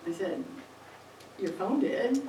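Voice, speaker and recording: A middle-aged woman, a religion teacher, giving a personal faith testimony in an animated storytelling manner with fillers and restarts. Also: mid-range voice, slow, distant mic, slight background noise. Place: church hall or parish room. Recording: echoey room, recorded from afar.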